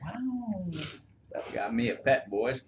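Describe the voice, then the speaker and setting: A man's voice: mid-range voice, huge pitch swings, slow, slight background noise. A man chatting casually as a player in a tabletop role-playing game. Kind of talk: casual chat.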